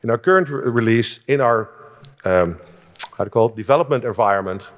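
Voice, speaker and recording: A chief executive giving an enthusiastic conference keynote, telling a story with frequent restarts. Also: male voice, medium pitch, brisk. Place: conference stage. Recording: reverberant hall, dull sound.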